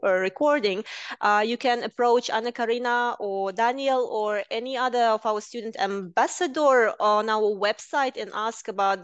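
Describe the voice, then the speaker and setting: Woman webinar host, headset mic on a video call, smooth clear voice, dry sound, frequent ums. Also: medium pitch, no echo. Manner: explanatory, frequent filler sounds. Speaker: careers and engagement manager. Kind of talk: webinar presentation and moderating. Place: indoors, virtual background.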